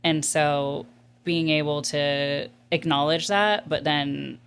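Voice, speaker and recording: Speaking slowly in a deep, steady voice, this nonprofit executive director is a guest being interviewed. Her answers are earnest and candid, with a reflective quality.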